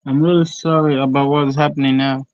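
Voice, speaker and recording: A man's voice: medium pitch, flat delivery, fairly quick, darkish tone, no room sound. A young man, a guest artist, heard over a glitchy international internet call, apologetic and checking whether he can be heard. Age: young adult. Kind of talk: casual call-in chat. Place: remote location abroad on a call. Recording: muffled lo-fi call audio from far off.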